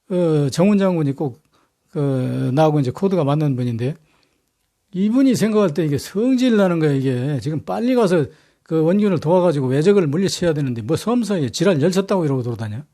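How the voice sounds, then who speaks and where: A man retells history in a loose, chatty lecture, blunt and full of fillers and hesitations. His voice is fairly high for a man, with a mellow, soft tone. He talks plainly and bluntly. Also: animated, fairly quick. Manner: colloquial, blunt, peppered with fillers and rough language. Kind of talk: casual storytelling lecture.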